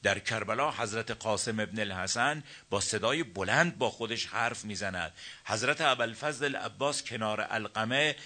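A man preaching a religious sermon in an earnest, exhorting manner, rising for emphasis and chanting verse slowly. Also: on the low side, sharp tone.

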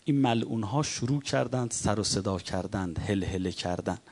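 A man preaching a religious sermon as a story. He chants quoted lines and then retells them plainly, and his voice swells louder at the dramatic peaks. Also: on the low side.

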